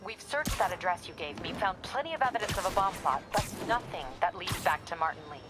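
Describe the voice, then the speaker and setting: An actress voicing a practical young female reporter in a video game, brisk and businesslike. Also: lowish voice, animated, over music, natural voice.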